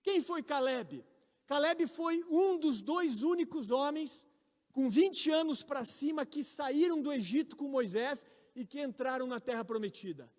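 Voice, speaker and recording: A Brazilian man in his forties, a pastor, preaching a sermon with emphatic, loud peaks on key words. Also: extremely high pitch, animated, a little slow. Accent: Brazilian Portuguese. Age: 40s. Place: large church hall. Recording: reverberant church hall.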